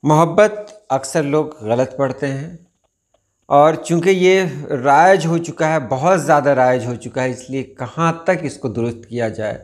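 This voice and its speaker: A man teaching correct Urdu pronunciation, repeating each word slowly and carefully. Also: mid-range voice. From India. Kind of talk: pronunciation lesson.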